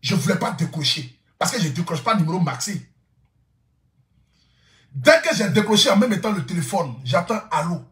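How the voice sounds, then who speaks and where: A man's voice: high voice, very animated, fairly quick, long pauses, fairly bright tone, roomy sound. A man telling a comic vlog story, boisterous, laughing often and repeating his phrases. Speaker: social media influencer. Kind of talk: casual comic vlog monologue.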